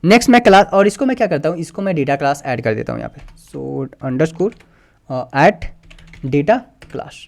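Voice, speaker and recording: A man's voice: fairly high pitch, lively intonation, moderate pace, creaky, darkish tone. Guy doing a screen-recorded coding lesson, reads out variable names bit by bit, patient step-by-step explaining. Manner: dictates code aloud as he types, mixing in English terms. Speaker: tutorial instructor.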